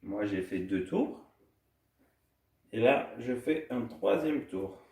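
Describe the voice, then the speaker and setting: At home, a man leads little kids through a baby gym session, his voice fairly low, dark, expressive and slow. He demonstrates the moves in a cheerful, sing-song way while instructing them. The indoor room echoes, and he sits at a distance from the microphone.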